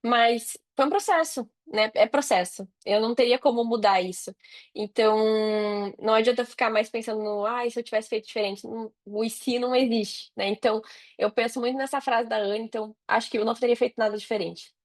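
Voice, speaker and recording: With a steady tone and a slightly fast pace, this Brazilian digital marketer talks as an interview guest on a podcast. Her voice runs somewhat high, and she works through her answers out loud in a relaxed, informal way.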